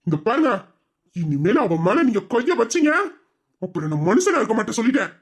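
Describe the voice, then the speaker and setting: A performer voicing a protective young man in a family drama, husky and stern toward elders. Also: medium pitch, big pitch swings, fairly quick. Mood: angry, protective. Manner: scolding, then gently soothing. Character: protective young man, fierce uncle to a little girl.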